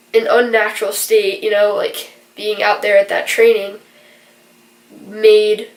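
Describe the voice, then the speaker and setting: Recorded from a distance with a roomy echo, this medium-pitched voice belongs to a young college student who vlogs. Congested from a virus, she rambles casually and earnestly explains things, using plenty of fillers.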